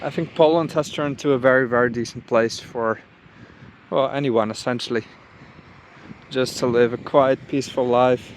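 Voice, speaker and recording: A young man vlogging while walking outdoors through a small town, musing aloud in a relaxed, casual way. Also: medium pitch, normal speed, a little hiss or hum. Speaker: travel vlogger. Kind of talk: casual walking vlog narration.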